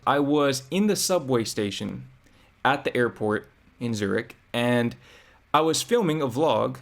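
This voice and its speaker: Young American man, casual reaction host, reflective chatter. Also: medium pitch. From United States. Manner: chatty, reflective, drawn-out emphasis. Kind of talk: casual commentary.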